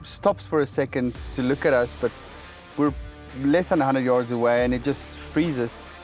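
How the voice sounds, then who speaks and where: A man working as a hunting guide talks outdoors in the bush, excited and laughing often. His voice sits at an ordinary middle pitch. Faint music plays under the outdoor recording. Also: moderate pace. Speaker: professional hunter guide. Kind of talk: casual hunting show talk.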